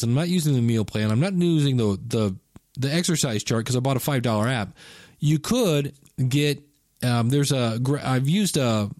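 A man in his fifties hosts a casual solo podcast, rambling and chatting while correcting himself along the way. His voice is mid-range and darkish, recorded with studio quality and no echo.

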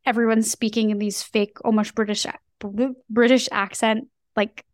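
A young woman co-hosting a casual podcast chat, talking in an animated way with many fillers. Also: fairly high pitch, moderate pace, no room sound, studio quality. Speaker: co-host. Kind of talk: casual chat, reads news in a newscaster voice.

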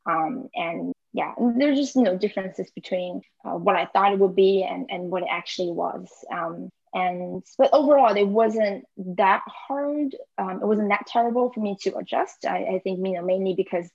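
A woman's voice: medium pitch, normal speed, creaky, few pauses, a little mellow, dry recording, highs cut off. Hesitant young woman from southern China. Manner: hesitant, many fillers, frequent laughs. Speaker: podcast guest. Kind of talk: casual conversation.

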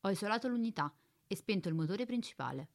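A woman voicing a calm, precise spaceship computer in a radio drama, speaking in a flat, formal, bureaucratic way. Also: medium pitch, quick pace, close to an everyday voice.

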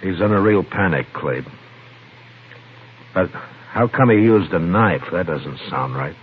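An actor playing a steady, terse Old West marshal in a vintage radio western. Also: male voice, low-pitched. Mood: calm, grave. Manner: measured, terse, understated. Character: steady, laconic Old West lawman, firm and calm. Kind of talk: old-time radio western acting and narration. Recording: noisy, narrow-band old radio recording.

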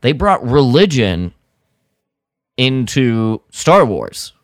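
A podcast co-host shares his opinions in casual, rambling chat, leaning often on the filler "like." His mid-range voice swings widely in pitch and moves very slowly, recorded with studio quality and no echo.

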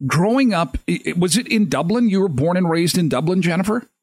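A man's voice: high voice, lively intonation, brisk, a little mellow, husky, dry recording. A man hosting a live morning show, joking and rambling with lots of fillers. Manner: jokey, rambling, many fillers. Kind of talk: casual live show chat.

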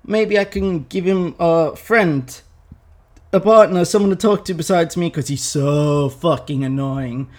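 A man's voice: a little high, unhurried, a little mellow, lightly acted. A man doing a crude, irritable God. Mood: bossy. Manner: casual, profane, blunt.

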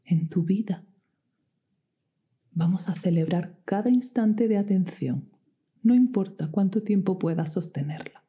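A woman guiding a meditation in a soft, slow voice that often drops to a whisper. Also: mid-range voice, slightly rough. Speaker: meditation guide. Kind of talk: guided meditation. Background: soft music with singing bowls.

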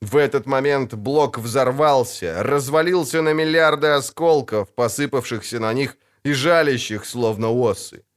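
A man narrating a dramatic fantasy audiobook in a steady, vivid storytelling voice. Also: medium pitch, a little slow, few pauses, smooth.

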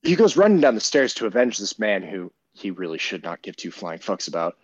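A man's voice: lowish voice, big pitch swings, brisk, husky, no room sound, muffled recording. A man co-hosting a casual podcast, retelling a story in a profane, rambling way with many restarts. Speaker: podcast co-host.

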